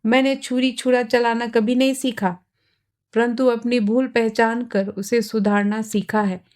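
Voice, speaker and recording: A woman reading aloud, voicing a calm young man who refuses firmly and quietly. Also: on the high side, unhurried, close to an everyday voice. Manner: calm, firm. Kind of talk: storybook reading.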